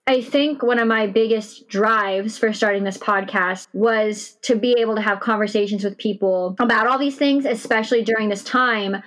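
A woman's voice: mid-range voice, fairly even intonation, moderate pace, few pauses. A woman hosting a podcast in a casual, conversational way, hedging often as she talks informally. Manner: informal, hedging with "like" and "you know". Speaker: podcast host. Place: recorded in a shed.

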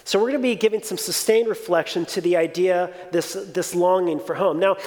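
Pastor, forties, male, conversational reflective sermon delivery, higher voice. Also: a little fast, darkish tone. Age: 40s. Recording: reverberant hall.

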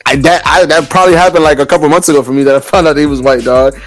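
A man's voice: a little high, steady tone, racing, soft background music. A man co-hosting a casual podcast, talking loosely and profanely with frequent restarts. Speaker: podcast co-host. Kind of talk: casual chat.

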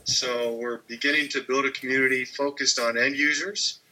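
A man's voice: mid-range voice, fairly even intonation, normal speed, pushed and bright, low-quality recording. A man speaking as a podcast guest, earnestly explaining his work with a few uhs and ums. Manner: earnest, explanatory, uses fillers. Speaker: guest, training company head. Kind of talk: casual podcast interview.

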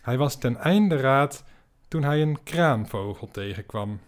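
Deadpan male comic storyteller. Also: medium pitch, measured pace. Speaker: podcast host.

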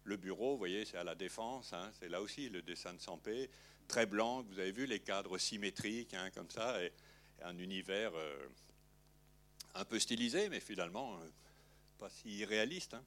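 A man with a lowish voice, talking about his film in an interview. He rambles on in loose, unhurried sentences, circling back and filling the gaps with small tag words. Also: lively intonation, fairly bright tone. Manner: rambling, filler-heavy, frequent "hein". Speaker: film director. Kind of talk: interview conversation.

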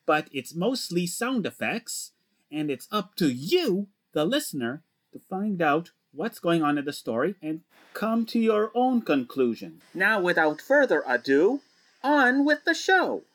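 A radio show host presents playful scripted material in a theatrical, showman-like manner, speaking directly to listeners with rhetorical questions and repetition. His voice sits high with big pitch swings and a fairly bright tone, and he takes an unhurried pace.

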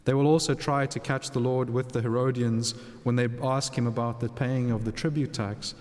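Male priest doing a gospel reading and homily, measured, big cathedral echo on everything. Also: mid-range voice, fairly even intonation, a little mellow. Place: large reverberant church.

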